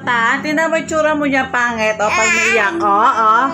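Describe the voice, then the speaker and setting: A fairly high-voiced woman films her family day on a handheld phone at home. She coos and teases a crying baby in a sing-song, playful way. Between bits of baby-talk she chats casually with her viewers, and faint household sounds carry in the background. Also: normal speed, noisy background. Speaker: family vlogger. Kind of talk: casual home vlog narration.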